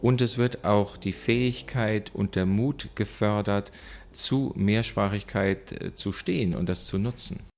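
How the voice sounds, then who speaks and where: A man interviewee speaking with a gravelly, slightly hesitant manner. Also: fairly low pitch, a little slow.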